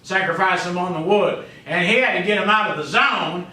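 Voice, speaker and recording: This man's sermon comes in a fairly high, sharp tone, a little fast, booming one moment and hushed the next as he shifts between emphatic calls and soft asides. He keeps dropping in "you know" and "amen", and the church sanctuary's echo is clear on the distant-mic recording.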